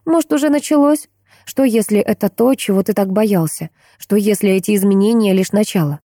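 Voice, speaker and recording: A woman voicing a young, compassionate but stubborn daughter who speaks quietly and evenly. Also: medium pitch, a little fast, no room sound, studio quality, pitched above the performer's own voice, natural voice. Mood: anxious. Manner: quiet, even, gently defiant.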